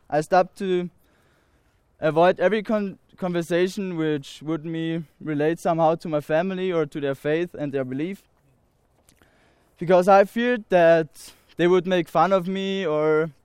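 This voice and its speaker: This high-pitched young man, nineteen and from Austria, speaks with an Austrian German accent as he earnestly tells an audience his personal story. His English is halting, with many pauses and restarts, and his darkish tone is smooth against a recording free of room sound.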